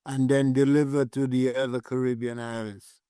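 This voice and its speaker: An older man from Saint Lucia, a guest author telling stories of his life at sea in an unhurried way, sometimes searching for words. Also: medium pitch, flat delivery, dark tone, smooth, no room sound, clean studio sound. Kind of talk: podcast interview.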